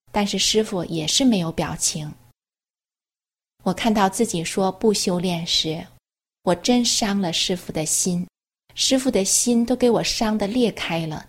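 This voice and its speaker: A woman reading a first-person testimony aloud in an earnest, steady, plain storytelling manner. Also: medium pitch, husky.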